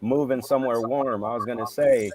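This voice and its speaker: A man's voice: medium pitch, steady tone, a little fast, crowd noise. A man chatting casually as a guest on a video call. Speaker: guest on a car chat show. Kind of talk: casual chat. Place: indoor room on a video call.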